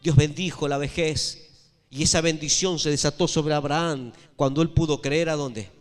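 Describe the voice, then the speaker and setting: Male pastor, high-pitched emphatic preacher, church with long reverb. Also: fairly even intonation, normal speed, soft background music. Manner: emphatic preaching with repeated phrases and questions to the congregation. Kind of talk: sermon.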